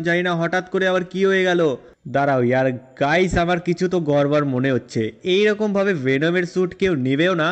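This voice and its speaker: A man's voice: high voice, lightly acted. A man role-playing a boastful young game hero, talking in a rambling, chatty way. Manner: rambling, chatty, repeats fillers. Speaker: gameplay narrator and role-player. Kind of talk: game role-play narration.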